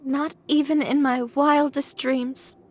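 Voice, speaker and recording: A woman's voice: sits high, flat delivery, takes it slowly. An actress playing Navia, a sincere, self-conscious young woman who leads an organization, in a game. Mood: touched. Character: young woman, warm-hearted gang president. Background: game soundtrack music.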